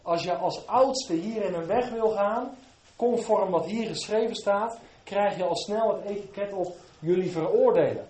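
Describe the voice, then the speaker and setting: Preaching a sermon to his congregation, a man shifts between quiet, low asides and loud, fervent emphasis, all in a reverberant space.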